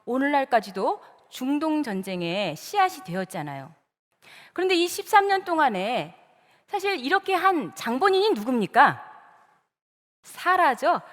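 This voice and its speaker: High, lively woman teaching Bible stories. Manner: acts out quoted lines dramatically, rhetorical questions. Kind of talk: storytelling Bible lecture. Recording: long hall reverb.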